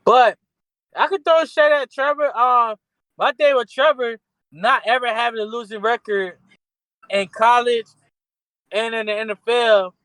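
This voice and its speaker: A man's voice: very high voice, a little slow, pauses often, a bit bright, dry recording. A man co-hosting a sports podcast in loose, slangy casual talk, often restarting his sentences. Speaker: podcast co-host.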